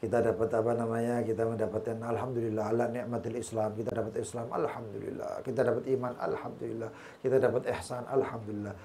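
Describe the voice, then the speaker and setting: A man with a Javanese accent giving an Islamic study sermon, his voice dark and mellow. He moves between calm teaching and light humorous asides, quoting Arabic verses along the way. A faint hiss of background noise sits under the voice. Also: medium pitch, fast talker, hardly any pauses. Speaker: religious teacher.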